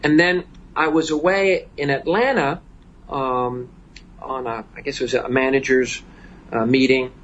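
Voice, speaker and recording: A man telling an animated anecdote in an interview, with many fillers and restarts. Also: mid-range voice, measured pace, highs cut off, slight background noise. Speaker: guest, diamond business owner. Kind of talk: storytelling in an interview.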